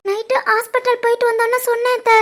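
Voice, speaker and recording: A woman voicing a timid young daughter-in-law in an animated family drama, meek and pleading, with a Tirunelveli Tamil accent. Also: very high voice, fast talker.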